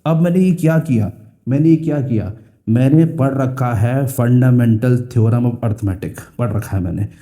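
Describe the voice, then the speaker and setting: A man's voice: medium pitch, a little slow, dark tone. A young man with an Indian English accent teaching a school math lesson, repeating key phrases and asking and answering his own questions.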